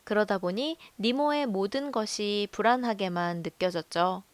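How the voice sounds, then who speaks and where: A woman narrating a film review in a calm, measured storytelling voice. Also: mid-range voice, dry recording. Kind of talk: scripted voice-over narration.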